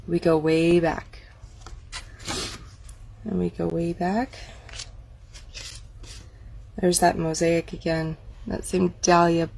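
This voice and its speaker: Gravelly-voiced woman chatting through a craft catalog. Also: low-pitched, darkish tone, slight background noise. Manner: chatty, admiring, thinking aloud. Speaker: craft demonstrator. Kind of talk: casual product walk-through.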